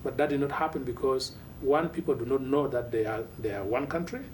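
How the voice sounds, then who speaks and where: A man, speaking earnestly and in a measured way in a documentary interview. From South Sudan. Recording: distant mic with faint low rumble.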